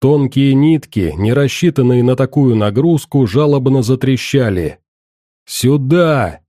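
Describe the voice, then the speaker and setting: A man narrating a story in the first person in a grim, measured way. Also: mid-range voice, warm tone, no room sound, clean studio sound. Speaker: audiobook narrator.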